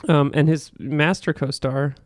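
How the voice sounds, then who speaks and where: A man's voice: on the high side, flat delivery, unhurried, dry recording, studio quality. A man co-hosting a podcast in casual chat, rambling and restarting his sentences, swearing now and then. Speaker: podcast co-host.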